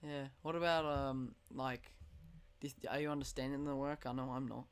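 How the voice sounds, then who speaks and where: A teenage boy hosting a casual podcast chat, excitable and swearing casually. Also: mid-range voice, normal speed, clear, resonant tone. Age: teens. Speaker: podcast host.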